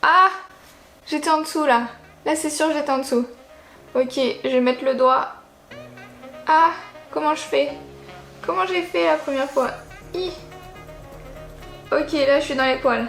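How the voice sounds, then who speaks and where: A woman's voice: high-pitched, fairly even intonation, normal speed, gravelly. A young woman chatting casually through a makeup challenge, unsure of herself and poking fun at her own attempts. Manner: chatty, unsure, self-mocking. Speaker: beauty vlogger. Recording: echoey room with faint music.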